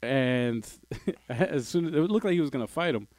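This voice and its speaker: A man's voice: medium pitch, lively intonation, moderate pace, a little mellow, no echo. Casual man chatting through news, dry sound. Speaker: podcast co-host presenting news. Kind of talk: casual, profane news chat.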